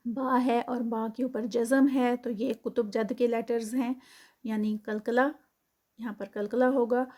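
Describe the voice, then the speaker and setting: Patient woman teaching Quran recitation, higher voice. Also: dark tone. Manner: patient, explains each letter slowly and step by step. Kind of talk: tajweed lesson, explaining then reciting.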